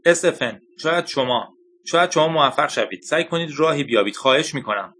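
A frantic male computer engineer in an audiobook pleads for rescue, his voice climbing higher than usual, as a male narrator reads him. The tone is bright and a little tense. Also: expressive, slight background noise. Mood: pleading. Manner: pleading, urgent.

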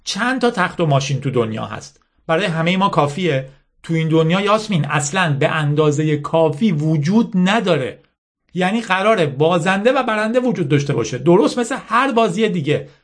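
A man's voice: high-pitched, sing-song, voice pushed up. A man voicing a bitter, scornful teenage girl who leads an army, lecturing with hammering rhetorical questions.

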